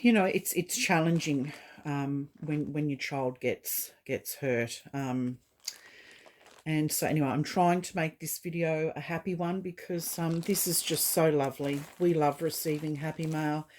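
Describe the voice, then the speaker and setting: Woman, doll vlog host, unhurried and low, gentle and halting delivery. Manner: gentle, halting, with frequent fillers. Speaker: doll collecting channel host. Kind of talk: unboxing vlog chat.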